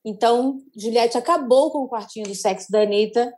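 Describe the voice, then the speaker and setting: A woman with a Brazilian accent hosting a casual celebrity gossip chat, giggly and quick to agree. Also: fairly high pitch, darkish tone. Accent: Brazilian Portuguese. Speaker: host.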